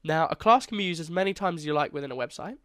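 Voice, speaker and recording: A young coding tutor with a stuffy, congested voice leads viewers through a beginner lesson in a screen-recorded tutorial, loose and chatty, often restarting his phrases and correcting himself. His voice sits a little high for a man, expressive, racing, and a bit bright. The recording is dry and close, with no room sound or echo.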